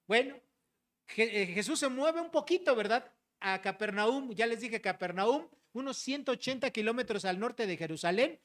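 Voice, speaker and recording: A pastor delivering an expository sermon to the congregation, explaining verses and addressing listeners as brothers and sisters. The delivery is direct, with frequent rhetorical questions and a checking tag after key points. The voice sits in a middle pitch. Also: animated, normal speed, fairly bright tone.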